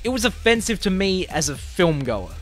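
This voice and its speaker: A man's voice: high voice, big pitch swings, moderate pace, loud music behind the voice. A young Australian man ranting casually about bad movies, sarcastic and exasperated, swearing often. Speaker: movie reviewer.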